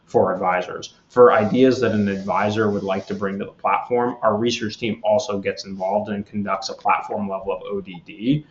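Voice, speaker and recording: Low-voiced man explaining at length. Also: fairly even intonation, echoey room, muffled recording. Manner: measured, with many fillers and restarts. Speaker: guest, platform executive. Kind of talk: podcast interview answers.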